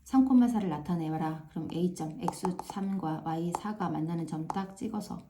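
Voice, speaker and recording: A woman's voice: lowish voice, unhurried, background noise. A woman math teacher explaining step by step in a casual classroom manner, often asking "right?" to check understanding. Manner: frequent tag questions checking understanding; repeats filler "ja" to pace steps.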